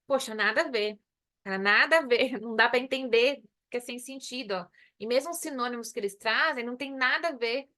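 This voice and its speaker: A woman's voice: fairly high pitch, a bit bright. A woman with a Brazilian Portuguese accent teaching an English lesson in a chatty, casual way, explaining words in Portuguese and drilling English pronunciation.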